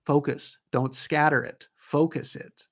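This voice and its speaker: A man's voice: a little high, steady tone, measured pace. A man coaching an audience in a motivational talk, speaking emphatically and posing rhetorical questions. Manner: emphatic, asks rhetorical questions, acts out inner thoughts.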